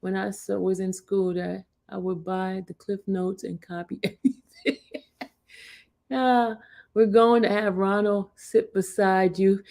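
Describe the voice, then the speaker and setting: With a dark tone, vocal fry and a level, measured delivery at medium pitch, a woman in her fifties chats casually on her livestream. She laughs often and keeps addressing her live chat.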